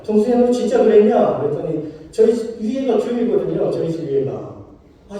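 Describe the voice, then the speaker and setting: Male preacher, high mellow voice, storytelling sermon, far from the mic in a very echoey church. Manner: storytelling, asks congregation questions. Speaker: pastor. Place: church sanctuary. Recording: roomy hall, from far off.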